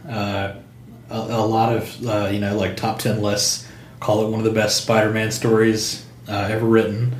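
A man co-hosting a podcast, chatting casually about comics, halting with fillers and restarts. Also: medium pitch, slight background noise. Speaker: podcast co-host. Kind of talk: casual comic book chat. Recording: roomy untreated room sound.

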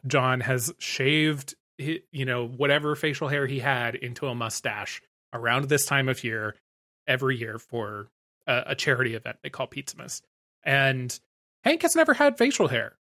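Relaxed male podcast co-host, casual chatty delivery, mid-pitched. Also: normal speed. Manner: easygoing, laughs between remarks. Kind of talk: casual chat.

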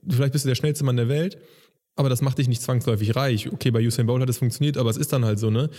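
A young podcast co-host who talks quickly in a dark, mellow voice. He rambles through his examples and keeps tagging questions on the end. Long reverb sits on the recording. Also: mid-range voice, fairly even intonation. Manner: chatty, rambling, agreeing, hedging with "ne?". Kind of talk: casual podcast chat.

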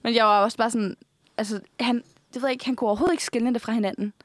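A woman's voice: on the high side, steady tone, no room sound. Candid young Danish woman, dry mic. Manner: candid, quotes herself and others often, laughs easily. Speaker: podcast co-host. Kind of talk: casual chat.

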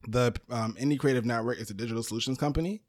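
Talking very fast in a medium-pitched, somewhat mellow voice, a man from Brooklyn, New York who founded a podcast network is being interviewed. His casual, loose answers are full of "um" and "you know".

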